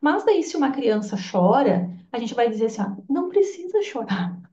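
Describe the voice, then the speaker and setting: Woman, course teacher, mellow tone, roomy distant lo-fi sound. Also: on the high side, animated, a little fast, a little hiss or hum. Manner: chatty, with frequent tag questions and quoted voices. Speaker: Bach flower therapy course teacher. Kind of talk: informal course lecture. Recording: echoey room, distant lo-fi mic.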